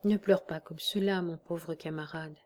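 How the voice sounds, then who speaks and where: A woman reading as a dying old army captain, hushed and calm. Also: deep voice, normal speed, lightly acted. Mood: weary, tender. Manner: weak, hushed, steady.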